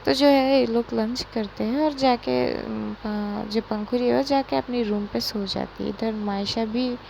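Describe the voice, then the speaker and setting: Young woman storyteller, unhurried casual narration, gravelly, fillers throughout. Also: fairly high pitch, a little hiss or hum, poor audio. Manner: relaxed, chatty, with frequent fillers.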